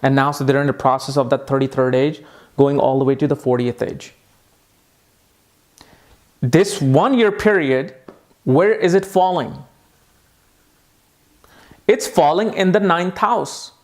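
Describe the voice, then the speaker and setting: A man explaining a lesson with eager emphasis, his voice sitting a little on the high side. He repeats key points to drive them home. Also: measured pace, pauses often. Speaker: astrology teacher.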